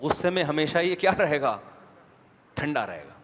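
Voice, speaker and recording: A man's voice: a little high, very animated, fairly bright tone. A man preaching an Islamic lecture in a conversational way, putting rhetorical questions to his listeners. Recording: long hall reverb.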